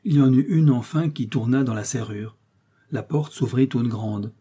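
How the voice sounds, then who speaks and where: Husky male audiobook narrator. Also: medium pitch, warm tone. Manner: measured, suspenseful reading.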